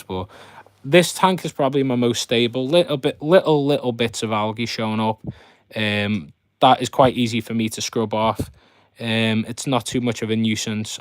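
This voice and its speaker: A man's voice: on the low side, clean tone, dry recording. A man hosting a casual live stream, chatting in a rambling way to viewers as he shows what he keeps. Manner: rambling, chatty commentary with viewers addressed directly. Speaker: host of a fishkeeping live stream. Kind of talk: casual live chat, showing his fish tanks.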